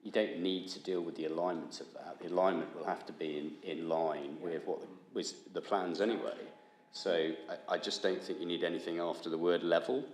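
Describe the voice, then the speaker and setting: Very deep plain-spoken man, echoey room. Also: fairly even intonation, a little fast. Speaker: council representative. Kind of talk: formal public inquiry discussion. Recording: echoey room, faint noise.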